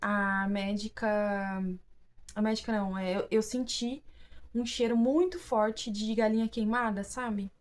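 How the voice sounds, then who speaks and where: A woman's voice: medium pitch, fairly even intonation, unhurried. A young woman with a Brazilian Portuguese accent, casually telling viewers her own story, chatty and full of fillers and restarts. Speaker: vlogger.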